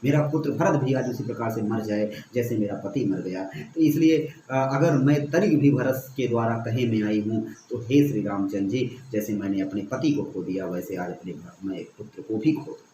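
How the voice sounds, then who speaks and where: A man's voice: on the low side, normal speed, few pauses, warm tone, echoey room, a little hiss or hum, poor audio. A male teacher reading lines of a Hindi poem aloud and explaining each one, repeating phrases as he goes. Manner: reads verse lines then paraphrases them, repeating phrases.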